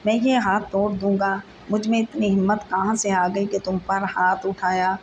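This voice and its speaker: A woman's voice: mid-range voice, level tone, muffled recording, a little hiss or hum, lightly acted. A woman reading the lines of an anguished young husband, pleading and blaming himself after a temper outburst. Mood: remorseful. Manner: pleading, self-reproaching.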